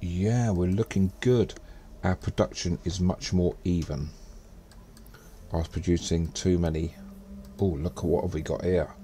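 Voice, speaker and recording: A man's voice: deep voice, fairly even intonation, a little slow, warm tone, slight background noise. A man streaming a space game, chatting casually as he plays and muttering to himself. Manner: muttering to himself while playing. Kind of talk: casual gameplay commentary.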